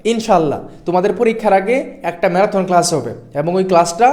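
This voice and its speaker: High-voiced male tutor with a light tinge, coaxing, repeats points for exam students. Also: quick pace, darkish tone. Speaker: admission test tutor. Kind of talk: online class lecture.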